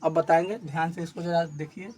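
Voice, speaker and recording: A male teacher giving a classroom grammar lesson, explaining slowly and repeating points, asking questions and answering them himself, pointing to a board. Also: on the high side, steady tone, a little mellow, slight background noise. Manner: repetitive, asks and answers own questions; slow, stressed explanation.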